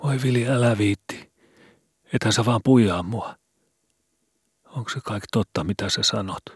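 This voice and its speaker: A man's voice: fairly low pitch, husky, dry recording, clean studio sound, voice pushed up. A man voicing a frightened young street boy in old Helsinki slang, trembling and pleading.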